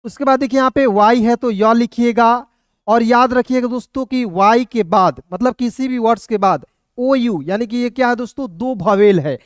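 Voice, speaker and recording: A man teaching a video lesson, explaining patiently step by step, often asking his viewers a quick question and then answering it himself. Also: very high-pitched, smooth, no echo, clean studio sound. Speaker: English teacher.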